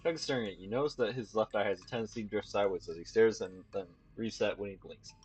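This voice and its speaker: A man's voice: fairly low pitch, quick pace, a little mellow, slightly rough, soft background music, low-quality recording. A man reading a video game's text aloud as a let's play host, stumbling and restarting now and then. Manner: plain reading with slips and restarts.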